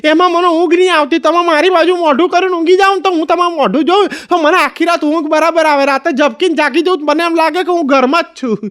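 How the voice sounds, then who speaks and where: A stand-up comedian doing the voice of a pleading middle-aged wife in a raised falsetto. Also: male voice, fairly even intonation, fast, few pauses, a bit bright. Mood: coaxing. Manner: high, coaxing falsetto.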